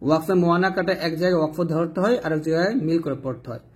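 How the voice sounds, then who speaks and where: A man teaching Quran reading in Bengali, spelling letters and vowel marks syllable by syllable and chanting the verses slowly. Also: fairly high pitch, darkish tone. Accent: Bangladeshi Bengali.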